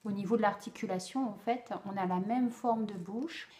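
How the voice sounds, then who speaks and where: A woman explaining how to teach a speech sound to children, slow and deliberate, with frequent pauses and fillers. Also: medium pitch, mellow. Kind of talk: instructional explanation for parents. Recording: echoey room.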